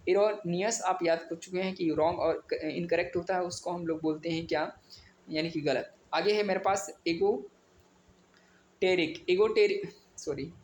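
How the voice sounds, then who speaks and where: A man teaching an exam vocabulary lesson, spelling words out letter by letter and mixing in English definitions. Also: high voice. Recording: echoey room with faint ambient noise.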